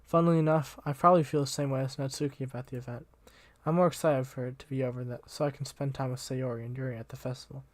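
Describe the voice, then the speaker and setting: A man's voice: medium pitch, steady tone, fast, hardly any pauses, no room sound. A young man reading a visual novel aloud as the channel host, casual and slangy, tripping over words now and then.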